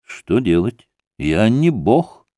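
A man doing a haughty, impatient doctor in an audiobook. He speaks with careless authority and clips every syllable. The delivery is slow and deliberate, and the sound is dry and close. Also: medium pitch, very animated, a little mellow, dry recording. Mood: curt impatient. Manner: clipped, stressing every syllable. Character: curt, impatient, self-important male doctor.

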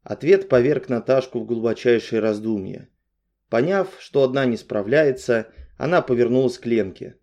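Mellow-voiced man narrating a story. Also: medium pitch, moderate pace, lo-fi sound. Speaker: audiobook reader. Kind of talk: scripted narration.

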